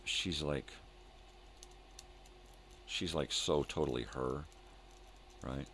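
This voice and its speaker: A man's voice: extremely low pitch, steady tone, very slow, fairly bright tone, a little hiss or hum. An older man hosting a live morning show with casual, rambling chat in laid-back hippie slang, drifting along and repeating himself.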